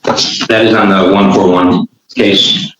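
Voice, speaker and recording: A deep-voiced man addresses the judge as the prosecutor, brief and matter-of-fact. It is a courtroom recording taken from a distant mic. Heavy courtroom echo and clear background noise surround his voice. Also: little pitch movement, slow pace. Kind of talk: courtroom speech. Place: large courtroom.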